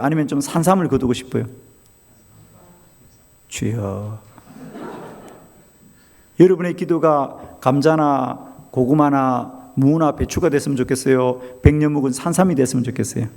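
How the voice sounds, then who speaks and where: A middle-aged male pastor with a slightly high voice delivers a revival sermon. He keeps asking his listeners questions and mixes jokes into the preaching. His voice rings through a church hall with a long echo. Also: a little mellow. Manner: humorous, asks the congregation many questions. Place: church sanctuary.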